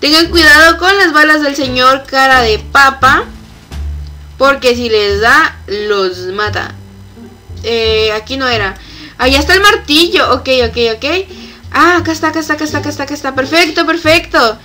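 High bright young woman, excitable let's-play commentary, faint game music behind. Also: moderate pace. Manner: excitable, shrieks and laughs when chased. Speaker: gamer.

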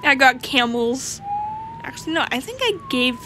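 A woman's voice: sits high, huge pitch swings, normal speed, background noise. A woman giving casual gameplay commentary, rambling as she lists items aloud and giggles often. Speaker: gamer.

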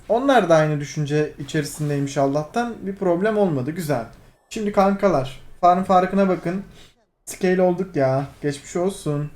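A young gaming streamer with a fairly high voice gives live commentary on his gameplay. Excitable and teasing, he swings between calm play-by-play, laughter and loud outbursts at his teammates.

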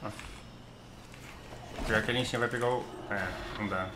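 A man's voice: mid-range voice, steady tone, fairly quick, echoey room. A man with a Brazilian Portuguese accent chatting casually and giving callouts while streaming a video game. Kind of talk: casual gameplay chat and callouts. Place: small indoor room at home. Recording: clear game noise behind the voice.

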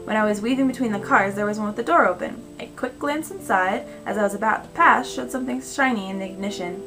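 A young adult American woman narrating first-person fiction in a measured, conversational reading style. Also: medium pitch, fairly bright tone. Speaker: storyteller. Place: small indoor room at home. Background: music, guitar.

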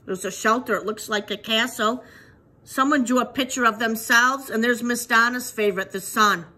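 A woman's voice: a little high, moderate pace, bright, forceful tone. A woman teacher reading a picture book aloud to young children, patiently asking them questions and praising their answers. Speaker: preschool teacher.

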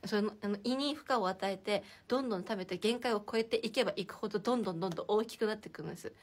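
A woman's voice: mid-range voice, rapid-fire. A young woman hosting a casual livestream from indoors, chatting and giggling as she reacts to viewer comments. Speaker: idol livestream host.

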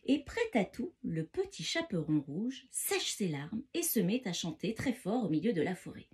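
Animated woman reading a bedtime story. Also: mid-range voice, normal speed, husky. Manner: animated, expressive, addresses children directly. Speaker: storyteller for children.

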